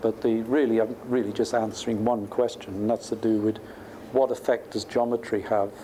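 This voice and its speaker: In a lecture at a university, a male professor thinks aloud conversationally while explaining technical ideas informally. His lowish voice is warm and level at a moderate pace, and the lecture room recording is clearly noisy.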